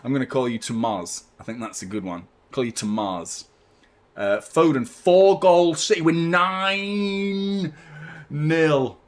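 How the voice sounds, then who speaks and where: A young man hosting a fan watchalong stream, rambling chattily and giving shout-outs to viewers. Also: mid-range voice, lively intonation, moderate pace. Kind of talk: live stream chat with viewers.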